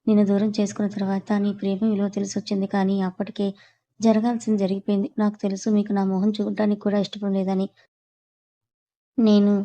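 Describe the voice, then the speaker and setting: A woman's voice: medium pitch, warm tone, close to an everyday voice. A woman voicing a remorseful middle-aged mother who pleads and apologizes to her family.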